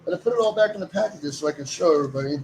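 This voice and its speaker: A man's voice: fairly high pitch, expressive, rapid-fire, a little mellow, slight background noise, rough recording. A man hosting a live stream, talking casually and rambling as he greets viewers and goes through items. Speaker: live stream host running a silver auction.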